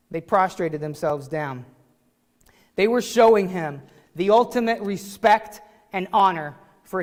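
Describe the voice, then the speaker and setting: A man preaching a sermon as pastor, conversational and animated, with restarts and casual asides. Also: sits high, long reverb tail. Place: church sanctuary.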